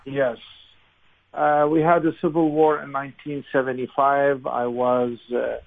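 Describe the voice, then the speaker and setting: A congressional candidate in his sixties, speaking with a Lebanese accent, recalls the past during a conversational interview heard over a narrow, tinny phone-like line. His gravelly, creaky voice sits at a middling pitch, and his delivery is flat, halting often as he searches for the next phrase.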